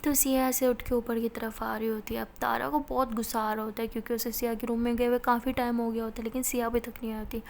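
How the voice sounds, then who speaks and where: A woman's voice: fairly high pitch, fast, creaky, hardly any pauses, a little hiss or hum. A woman narrating a college love story in a casual, chatty storytelling manner. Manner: chatty, animated retelling.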